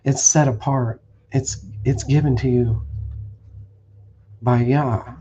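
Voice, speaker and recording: A man's voice: medium pitch, fairly even intonation, takes it slowly, mellow, slightly rough, poor audio. A man preaching bluntly on a stream, warning listeners and reading verses aloud with restarts. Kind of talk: streamed scripture teaching. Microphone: streaming setup.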